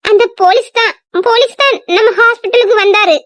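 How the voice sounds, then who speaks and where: A woman's voice: very high-pitched, fairly even intonation, a little fast, fairly bright tone, dry recording, clean studio sound. A woman voicing a worried, tearful young woman doctor who pleads anxiously. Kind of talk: audio drama acting.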